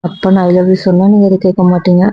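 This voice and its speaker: A woman voicing a hurt young woman who questions her partner with quiet reproach. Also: lowish voice, monotone, fast talker, no echo, dull audio, natural voice. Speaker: young wife or girlfriend. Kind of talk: Tamil audio drama acting.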